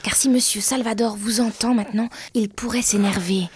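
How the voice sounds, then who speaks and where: An actress playing a kind, patient young nurse who speaks gently and soothingly in a dubbed telenovela. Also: female voice, mid-range voice, steady tone, moderate pace, a little hiss or hum, natural voice.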